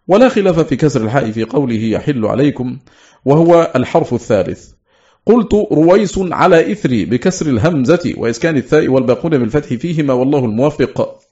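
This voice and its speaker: A man reading a scholarly text aloud in a steady, deliberate way, chanting some quoted verse words. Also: mid-range voice. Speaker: audiobook reader. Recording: slightly dull lo-fi recording.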